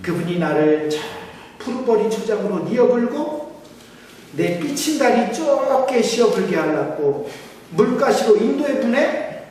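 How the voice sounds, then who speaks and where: A man putting on a Jeolla dialect as a rustic countryman, loud and exclamatory, drawling. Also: high-pitched, big pitch swings, a little slow, a little hiss or hum, voice pushed up. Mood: hearty. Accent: Jeolla dialect, put on. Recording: echoey church hall, mic far off.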